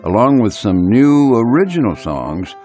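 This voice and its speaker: Showy ringmaster-style man, wildly swooping pitch. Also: sing-song, a little mellow, soft background music. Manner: ringmaster-like showman delivery, grandly drawn-out greetings. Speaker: show announcer. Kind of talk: scripted show introduction.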